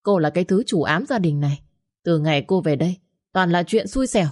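A woman voicing a furious, harsh older mother-in-law who shouts and scolds. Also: on the low side, lively intonation, brisk. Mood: furious scolding.

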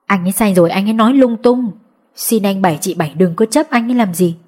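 A woman's voice: medium pitch, fast talker, darkish tone, slightly rough, lightly acted. A woman voicing a frightened wife who pleads with her neighbors in an audiobook. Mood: pleading.

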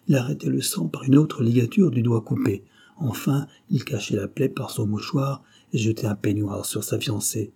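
A man reading a classic novel aloud as an audiobook narrator, with scripted narration at a measured, even pace. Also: fairly low pitch, vocal fry, breathy edge.

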